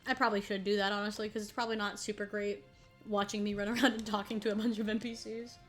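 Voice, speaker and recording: Woman, game streamer, casual rambling commentary, mid pitch, faint background music. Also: flat delivery, fast talker. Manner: chatty, rambling, laughs often.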